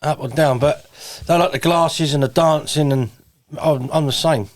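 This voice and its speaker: A man's voice: a little high, moderate pace. Earnest southeast English man, emphatic. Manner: earnest, emphatic, calls him bruv. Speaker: host. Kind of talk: supportive interview chat.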